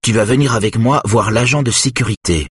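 A calm, resolute mother, as a man reading aloud plays her. The voice sits above his natural low register and keeps a slightly husky, dry close sound. She speaks evenly and firmly. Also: fairly quick, dry recording. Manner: calm, firm. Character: determined mother, calm and firm.

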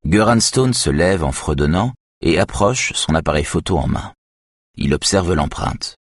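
A man reading a crime novel aloud as narrator, in a steady, even way. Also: deep voice, a little slow, slightly rough, dry recording, clean studio sound. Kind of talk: audiobook narration.

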